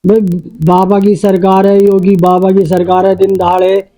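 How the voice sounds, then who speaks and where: A man's voice: high voice, monotone, moderate pace, dark tone, rough recording. A man in a field interview, insistently demanding arrests and justice from the authorities. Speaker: community member demanding justice.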